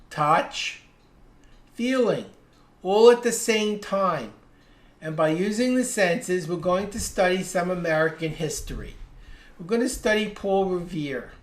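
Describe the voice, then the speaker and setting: A reading skills instructor teaching a live webinar, explaining patiently and stressing single words to show how inflection changes meaning. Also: medium pitch. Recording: roomy echo.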